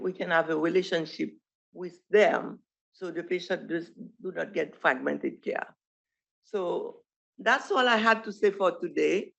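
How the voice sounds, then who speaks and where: A middle-aged Haitian physician with a Haitian accent presents his residency program at an online showcase. The talk is informal and halting, full of restarts and self-corrections, in a gravelly mid-range voice on lo-fi audio.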